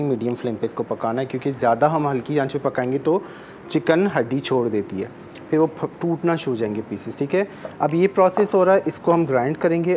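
With a mid-range, somewhat dark voice, a man demonstrates a recipe as a TV chef in a studio kitchen. He teaches each step, goes over steps again, and mixes Urdu with Sindhi, over a slight hiss or hum.

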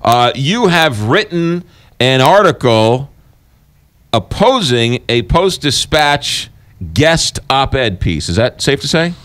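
Middle-aged male radio host, mid-pitched, teasing and brisk, dry close studio sound. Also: sing-song, fairly bright tone, dry recording. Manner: brisk, teasing, quick to sum up the guest's points. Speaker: radio talk show host. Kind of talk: talk radio interview. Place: radio studio with a window view of a city. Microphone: studio microphone on a boom arm.

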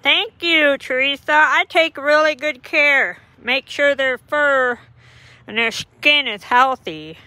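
A woman's voice: sits high, slow, pushed and bright, dry recording. A woman with a Michigan accent, chatting outdoors by a lake and cooing doting baby talk at her puppies. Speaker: dog breeder. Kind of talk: casual chat to puppies and viewers.

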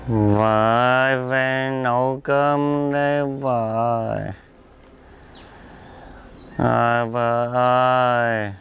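Comic skit: man plays a sloppy drunk husband, dragging slow speech, mid-range voice. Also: mid-range voice, flat delivery, fairly bright tone, smooth. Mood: drunk mumbling. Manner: slow slurred drunken mumbling. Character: drunk husband locked out, slurring, belligerent. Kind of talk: amateur comedy skit acting.

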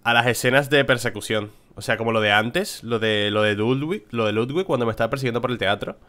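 A man's voice: medium pitch, fast, a bit bright. A man in his thirties with an accent from Spain, giving casual, reactive gameplay commentary close on the mic. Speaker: gaming streamer. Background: faint game music.

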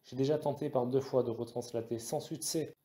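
A man's voice: on the high side, fairly even intonation, quick pace, mellow, echoey room, voice pushed up, close to an everyday voice. A man voicing a terrified female starship navigator in an audiobook, talking with trembling, fearful urgency. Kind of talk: audiobook character voice.

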